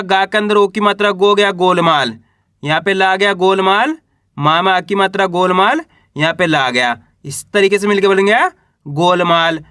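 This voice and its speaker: Guy teaching hindi reading, high bright voice, asks then answers himself, dry close mic. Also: clean tone, dry recording. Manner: drawls syllables slowly when sounding out letters. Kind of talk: patient step-by-step spelling lesson.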